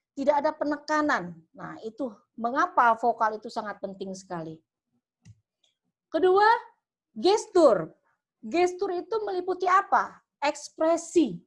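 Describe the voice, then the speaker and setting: A woman news anchor with an Indonesian accent giving a public speaking lecture, animatedly demonstrating flat versus energetic delivery with mock news reports. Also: sits high.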